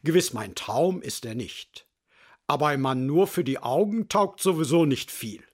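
A man putting on a proud, lovesick yellowhammer lady. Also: on the high side, lively intonation, moderate pace, breathy edge. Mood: musing.

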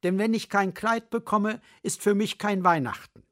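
A man voicing a vain peacock in a storybook fable, speaking high and fussily. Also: normal speed, a bit bright.

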